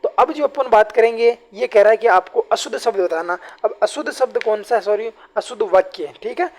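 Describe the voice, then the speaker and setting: A high-voiced man teaches Hindi grammar online for exam preparation, slowly reading example sentences and going over key phrases again. He frequently addresses his viewers as companions.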